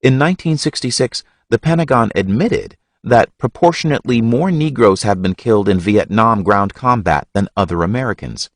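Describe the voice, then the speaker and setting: A man reading a history audiobook in a measured, expressive narration. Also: fairly low pitch, dry recording, studio quality.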